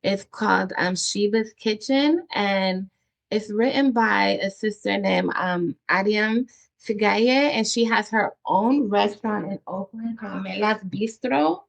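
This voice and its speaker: Gravelly-voiced enthusiastic woman host. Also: mid-range voice, a little slow. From San Francisco Bay Area. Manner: enthusiastic, effusive, many fillers. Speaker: interview host. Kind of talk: casual video interview.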